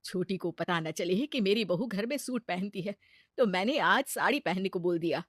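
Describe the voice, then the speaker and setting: A kind, patient mother-in-law in a cartoon story, played by a woman with a medium voice. She speaks gently and motherly, and the recording is dry and close. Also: mid-range voice, animated, moderate pace, no room sound, close to an everyday voice. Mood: gentle.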